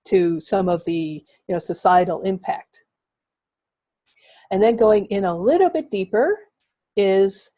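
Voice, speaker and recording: A woman's voice: mid-range voice, dark tone, no echo. A woman presenting slides in an education webinar, explaining with frequent ums and uhs.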